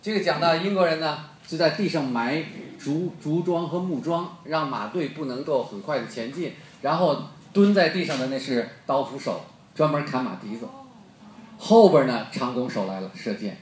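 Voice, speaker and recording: A man's voice: fairly high pitch, moderate pace, slight background noise. Brief: Beijing man, storytelling preacher, joking, reverberant hall. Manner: joking, quizzes the audience. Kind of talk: storytelling sermon.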